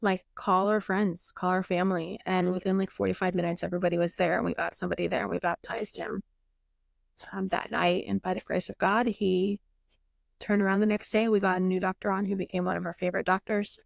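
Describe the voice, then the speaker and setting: A young woman with a gravelly, creaky edge to her voice tells a painful personal story in a candid, raw way, acting out each exchange and letting the odd curse slip. The sound is close and dry, with no room around it. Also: on the low side, flat delivery, a little fast, no room sound. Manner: emotional, candid, swears, reenacts dialogue. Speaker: podcast host. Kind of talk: casual podcast storytelling.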